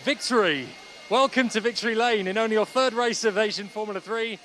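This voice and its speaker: Energetic male trackside interviewer, high voice, faint background noise. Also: fairly quick. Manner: energetic, upbeat questions. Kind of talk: post-race interview.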